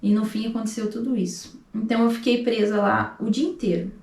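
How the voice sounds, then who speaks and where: Brazilian lady vlogging, bit high and gravelly, tells it emotional, echoey room far from mic. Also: steady tone, a little fast, a little mellow. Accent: Brazilian Portuguese. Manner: emotional, acts out dialogue in her telling. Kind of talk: personal storytelling.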